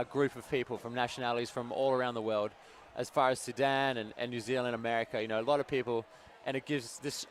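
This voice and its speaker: A man's voice: medium pitch, a little hiss or hum. A man speaking as co-commentator and league representative, earnest and enthusiastic about the players. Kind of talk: sports commentary. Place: outdoor sports ground.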